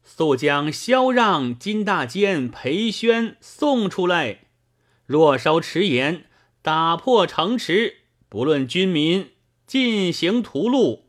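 A man voicing a stern male army strategist who shouts threats up at a walled city in a storybook reading. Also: high-pitched, sing-song, slow pace, voice pushed up, exaggerated voice. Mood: threatening. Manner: loud commanding shout.

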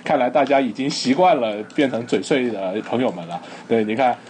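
A man's voice: mid-range voice, lively intonation, fairly quick, darkish tone, slight background noise. A man with a Cantonese accent co-hosting a podcast in casual banter. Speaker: podcast co-host reading listener comments.

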